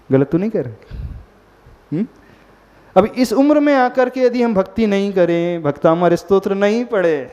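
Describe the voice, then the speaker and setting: Here a Jain monk preaches to a gathered audience in a high-pitched, warm and clean voice. He questions his listeners often and mixes English words into the sermon. Long reverb from the hall and a dull lo-fi sound mark the recording.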